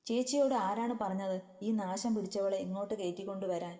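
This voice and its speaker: A woman's voice: mid-range voice, a little fast, warm tone, big-room sound, close to an everyday voice. A woman doing a furious young husband. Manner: snapping, contemptuous. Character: angry, harsh young husband.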